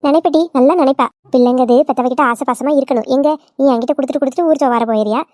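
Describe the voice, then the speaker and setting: A woman's voice: high voice, racing, a little mellow, dry recording, studio quality, lightly acted. A woman voicing a scolding older village mother-in-law, in a cartoon. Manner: nagging, scolding. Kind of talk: cartoon voice acting.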